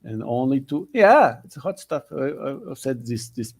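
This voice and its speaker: A man with a Brazilian accent moderating an online seminar over a video call, talking in a halting way with many restarts. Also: medium pitch, very animated, a little mellow, slightly rough. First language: Portuguese. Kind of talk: online academic discussion.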